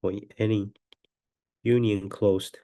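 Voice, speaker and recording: A man lecturing on a mathematical proof step by step, with a stuffy nose from a cold and a halting, deliberate delivery. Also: on the low side, little pitch movement, mellow.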